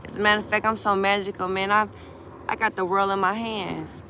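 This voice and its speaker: A woman giving a casual, animated tarot reading outdoors by the water into a phone camera, swinging between hushed and loud. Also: medium pitch, a little fast, noisy background. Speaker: tarot reader. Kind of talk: casual emotional tarot vlog.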